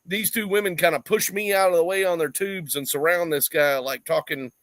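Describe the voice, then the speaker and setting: A man's voice: fairly high pitch, steady tone, fairly quick, fairly bright tone, dry recording. A man co-hosting a casual talk show, telling a story with lots of laughter and mimicked voices. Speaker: podcast co-host.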